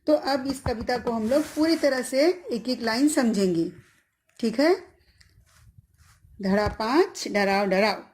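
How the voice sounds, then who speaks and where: A woman's voice: on the high side, takes it slowly, long pauses, a little mellow, husky. A middle-aged woman teacher giving an online lesson to children, patiently explaining each word and asking the class questions.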